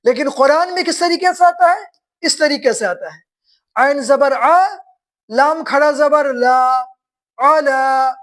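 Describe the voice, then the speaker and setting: A woman teaching beginners to read, spelling words slowly syllable by syllable and quizzing her students. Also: high voice. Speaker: Quran reading teacher.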